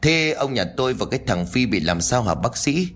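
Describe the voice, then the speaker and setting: A man's voice: mid-range voice, sing-song, brisk, a bit bright, soft background music. A man voicing a worried older village woman who grumbles anxiously. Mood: fretful.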